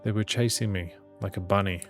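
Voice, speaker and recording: A gaming channel host gives a visual novel dramatic narration, reading it aloud with small stumbles here and there as game music plays behind him. His voice is fairly low and steady, and his pace is brisk.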